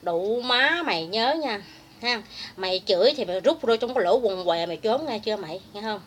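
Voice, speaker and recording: A woman's voice: mid-range voice, expressive, a little fast, slight background noise. A woman ranting angrily and crudely at someone in a vlog. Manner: heated, crude, insulting. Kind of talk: angry vlog rant.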